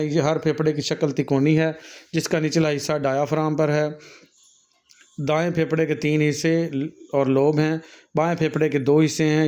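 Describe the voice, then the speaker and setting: A nursing and health teacher with a dark-toned voice on the high side explains anatomy diagrams to his students in a patient lecture. He often calls them "beta" and uses frequent fillers and self-corrections.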